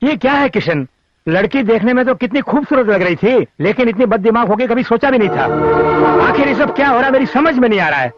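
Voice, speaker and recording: A man's voice: very high voice, expressive, brisk, music in the background. An actor dubbing a complaining middle-aged father on a dull film soundtrack. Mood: grumbling. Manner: complaining, bossy. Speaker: father of the hero.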